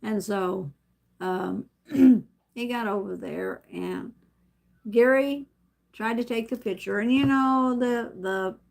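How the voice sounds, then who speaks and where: A woman's voice: fairly high pitch, slow pace, gravelly, a little mellow. A middle-aged woman telling a story on her own live stream at home, rambling and chatty, laughing often and restarting her sentences. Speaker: vlogger hosting a live stream. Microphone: camera set up in front of her.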